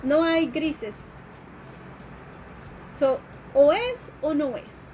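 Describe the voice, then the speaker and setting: A woman educator giving an informal live-streamed talk, explaining slowly and carefully, with fillers and restarts. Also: high-pitched, big pitch swings, darkish tone, slight background noise, low-quality recording. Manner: explanatory, with fillers and restarts, acts out quoted questions.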